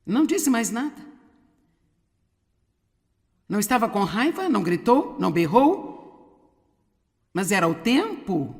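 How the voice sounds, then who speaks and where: A woman preaching a sermon in an animated way, with wry humor and frequent asides to the audience. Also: medium pitch, slow, long pauses, long reverb tail. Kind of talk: sermon, dubbed.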